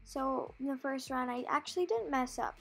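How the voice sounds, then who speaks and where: Chatty high-voiced female vlogger. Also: moderate pace, gravelly, fairly bright tone, faint music behind. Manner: chatty, rambling storytelling. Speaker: vlogger narrating her riding lesson. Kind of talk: casual voice-over narration.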